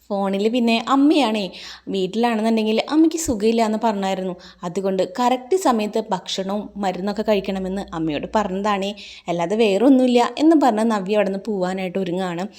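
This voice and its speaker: A woman's voice: mid-range voice, quick pace, darkish tone. Woman casually retelling a TV serial. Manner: retells scenes in a plain running account, reading each quoted line with light emphasis. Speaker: serial recap narrator. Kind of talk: casual spoken episode recap.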